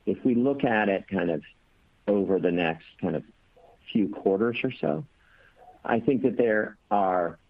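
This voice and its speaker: A man with a very low voice answers questions on a business conference call. He sounds muffled and boxy, as if he is talking into a trash can. The sound is dry and thin like a phone line, and he talks hesitantly with many fillers and restarts. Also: expressive, unhurried, gravelly, no echo. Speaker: company executive answering analyst questions.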